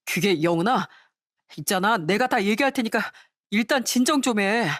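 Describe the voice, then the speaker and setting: A woman's voice: medium pitch, expressive, moderate pace, a bit bright, no echo, studio quality. A woman voicing a deceitful young male fiancé who stammers out excuses. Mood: flustered. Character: deceitful two-timing young fiancé, man.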